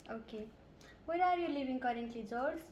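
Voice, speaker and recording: High-voiced woman nurse. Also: normal speed, darkish tone, muffled recording, a little hiss or hum. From Nepal. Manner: polite, methodical questioning. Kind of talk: scripted health assessment role-play. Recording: roomy echo.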